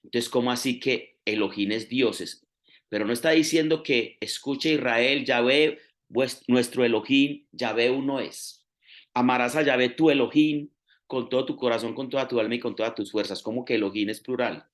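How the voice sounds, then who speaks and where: A man's voice: mid-range voice, normal speed. A man preaching a sermon, explaining step by step and stressing key phrases.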